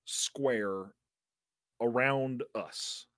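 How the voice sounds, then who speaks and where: A man's voice: mid-range voice, drawn-out words, fairly bright tone, dry recording, clean studio sound. A man playing a tabletop role-playing game, chatting casually and tentatively as he thinks aloud.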